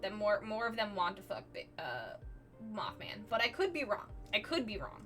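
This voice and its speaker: A woman's voice: medium pitch, sing-song, normal speed, a bit bright, faint music behind. A woman streamer chatting casually at home on her couch, rambling and poking fun at herself. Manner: rambling and self-deprecating, with frequent "like" fillers. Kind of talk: casual chat while drawing on a live stream.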